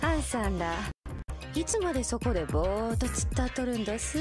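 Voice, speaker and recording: A woman's voice: on the high side, big pitch swings, brisk. A woman voicing a haughty, teasing hacker henchwoman in a video game, with a Kyoto accent and coquettish, old-fashioned courtesan speech. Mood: haughty, dismissive. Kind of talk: Japanese video game voice acting. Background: game music.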